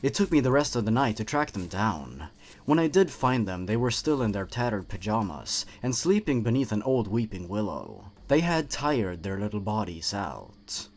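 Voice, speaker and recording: In a measured, scripted style, a man with a fairly low voice narrates eerie short horror stories. As the tension mounts, his voice drops to a hush, but his pace stays even and deliberate throughout.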